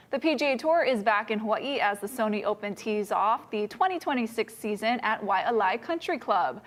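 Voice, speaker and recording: A woman anchoring the news, reading headlines from a script. Her voice sits fairly high and stays crisp and even.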